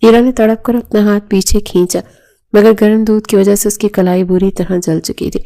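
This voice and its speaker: A woman narrating a romance novel aloud in a steady, even reading. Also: medium pitch, gravelly.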